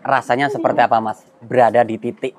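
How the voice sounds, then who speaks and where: A man's voice: mid-range voice, little pitch movement, fast talker, noisy background. A man interviewing a farmer, asking probing questions and giving short encouraging replies.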